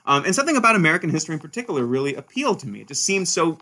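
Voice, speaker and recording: A man from Sweden, a historian being interviewed about his book, talking in an animated way with frequent restarts and "right?" tags. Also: a little high, rapid-fire. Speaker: historian, author guest. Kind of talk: conversational interview answers.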